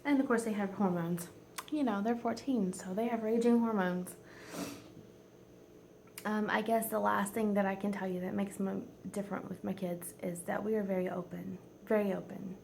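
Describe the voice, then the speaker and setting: Teary, gravelly-voiced woman vlogger. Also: medium pitch, steady tone, normal speed, slight background noise. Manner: rambling, heartfelt, drops to soft near-whispers. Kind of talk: casual chat. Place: home.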